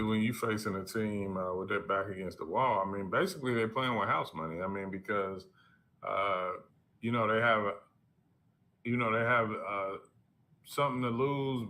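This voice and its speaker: Deep, bright-voiced man, halting speech. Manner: halting, many fillers and restarts. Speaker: team coach. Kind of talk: casual broadcast interview.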